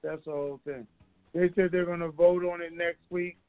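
A man talks in a casual, rambling way over a conference phone line. His voice sits high and comes through thin and tinny. The sound is dry, with no room around it. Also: level tone, normal speed, no room sound, soft background music. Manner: rambling and offhand. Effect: heard over a conference phone line. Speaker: regular guest on a call-in show. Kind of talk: casual phone call talk.

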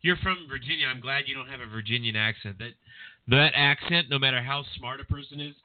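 A man hosting a boxing podcast, talking in a rambling, animated way with lots of restarts and fillers, with a General American accent. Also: medium pitch, fairly quick, a little hiss or hum. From California. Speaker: podcast host. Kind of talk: casual boxing podcast chat. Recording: tinny phone-like line, dry.

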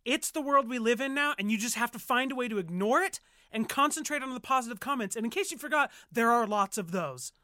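A woman's voice: on the high side, expressive, fast, bright, forceful tone, no echo. Brief: actress as a motherly TV producer, upbeat and coaxing, dry close studio sound. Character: earnest woman producer, motherly to her writers. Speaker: producer and narrator. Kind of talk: audio drama acting with narration.

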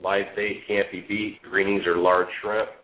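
A man's voice: low-pitched, little pitch movement, a little slow. A man co-hosting a fishing talk show, calling in on a speakerphone, chatting easily with lots of fillers. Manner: easygoing, many fillers and restarts. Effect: on speakerphone over a phone line. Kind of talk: casual fishing chat and reading a report aloud. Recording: tinny echoey speakerphone call.

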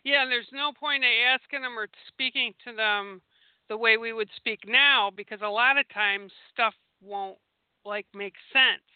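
A woman host chats eagerly and wanders from point to point, filling gaps with ums and you-knows. Her voice is smooth and clear, but it arrives through a dry, narrowband, phone-like line. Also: on the high side, unhurried, no echo. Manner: enthusiastic, meandering, lots of fillers. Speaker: podcast host. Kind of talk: casual interview chat. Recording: dry, phone-like call audio.

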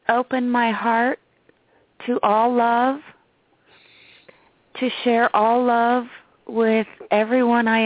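A woman calling in to a radio show over the phone, softly stating her intention. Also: fairly high pitch. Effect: phoned in over a tinny phone line. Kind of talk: call-in statement of intention. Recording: tinny dry phone line.

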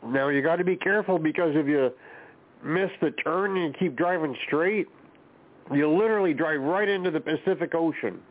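Over a tinny line that sounds like a phone, a podcast host with a voice on the high side speaks at a moderate pace. He leads a casual talk show steadily, chatting with and interviewing a guest.

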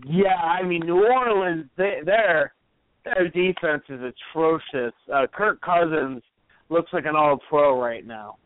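A man's voice: fairly high pitch, slow pace, dry recording. A man co-hosting a sports talk show, easygoing and analytical with plenty of uhs and ums. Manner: easygoing, analytical, uses fillers like uh and um. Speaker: co-host. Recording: tinny phone-like line, dry.

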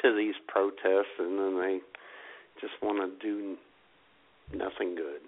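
Co-hosting a comedy radio show, a man trades casual comedic banter, laughing often and eagerly telling stories with relish. His voice is low with little pitch movement, and he speaks unhurriedly over a tinny, phone-like line.

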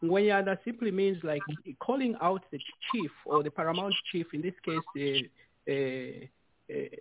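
A man's voice: on the high side, a little slow, dry recording. A man from eastern Zambia, hosting a radio talk show, explaining things with playful teasing banter. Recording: tinny phone-like dry sound.

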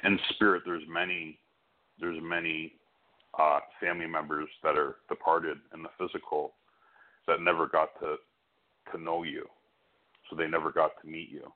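A man's voice: extremely low pitch, little pitch movement, moderate pace, pauses often. A man giving a psychic hotline reading as a medium, speaking reassuringly and often checking that what he says resonates. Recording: muffled, band-limited call audio.

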